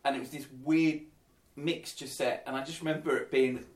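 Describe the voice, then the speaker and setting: A man's voice: on the high side, fairly even intonation, moderate pace, roomy sound, distant mic. A man, co-hosting a podcast in rambling, sweary casual chat and laughing often. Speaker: podcast co-host.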